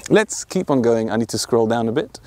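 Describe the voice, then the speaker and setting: A man in his thirties runs a playful, chatty ukulele tutorial outside in an open field, strumming, plucking and singing examples as he goes. He has a mellow, expressive mid-range voice and talks a little fast.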